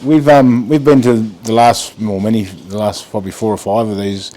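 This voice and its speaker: A man's voice: on the low side, steady tone, moderate pace, mellow. A man co-hosting a casual chat, easygoing and chatty, swearing now and then. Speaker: co-host.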